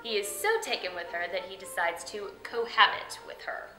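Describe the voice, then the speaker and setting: A woman with a mid-range, sharp-toned voice hosts and tells a story at normal speed, using scripted comic narration in a theatrical, tongue-in-cheek way. The room has a noticeable echo, and faint music plays behind her.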